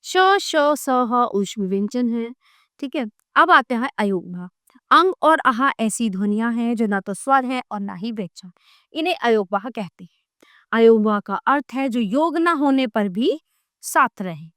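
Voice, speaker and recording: A woman narrating a grammar lesson for children, clear and measured, reading out word lists slowly. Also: fairly high pitch, lively intonation, fairly bright tone, dry recording, clean studio sound. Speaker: teacher.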